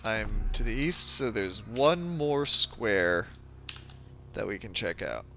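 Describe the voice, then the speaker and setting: This man, stuffed up and losing his voice, streams a game and rambles in a low-key, self-mocking way. His tone is sharp, with lively intonation and a slow pace. Music plays behind him on a dull lo-fi recording with slight background noise.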